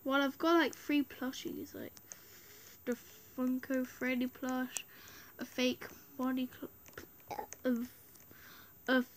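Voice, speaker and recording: A young girl hosting a let's play rambles through casual gameplay commentary, packed with "like" and "um" fillers. Her voice sits high and her delivery is flat, slow, and full of pauses, with faint background noise behind her.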